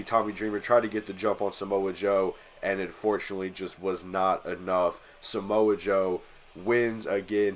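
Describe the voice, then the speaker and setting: A channel host with a lowish voice, stuffy and congested from allergies, calls play-by-play over a wrestling video game. He gets loud whenever the big moves land.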